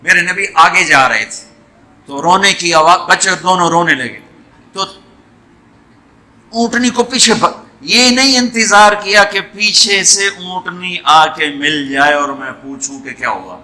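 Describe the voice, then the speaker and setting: Male preacher, fervent storytelling sermon, fairly high and very forceful voice. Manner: impassioned storytelling, lamenting cries. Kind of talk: emotional sermon.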